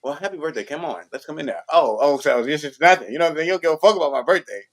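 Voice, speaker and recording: Racing along with lively intonation, this man's higher-pitched voice carries meandering, profane tales as a podcast co-host chatting casually. He reenacts both sides of old arguments and leans on "you know what I'm saying" a lot. Clicks and noise mar the recording.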